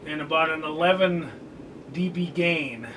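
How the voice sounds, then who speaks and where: In a room at home, a middle-aged American who reviews and tinkers with radio scanners shows off a product in a relaxed, folksy, colloquial way. His fairly high voice moves at a measured pace, picked up by a distant camera mic amid noticeable room noise and scanner chatter.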